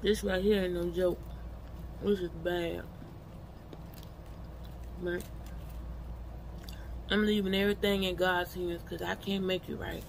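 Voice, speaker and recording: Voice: medium pitch, flat delivery, slow pace, creaky, pauses often, slight background noise, low-quality recording. A person chatting casually and colloquially to followers while eating, talking with a mouth full of food. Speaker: vlogger.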